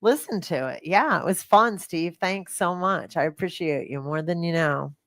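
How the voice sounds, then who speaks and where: A woman's voice: lowish voice, normal speed, no room sound. Chatty woman fitness coach. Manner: rambling, animated, full of fillers and restarts. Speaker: fitness coach and podcast host. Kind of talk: casual podcast chat.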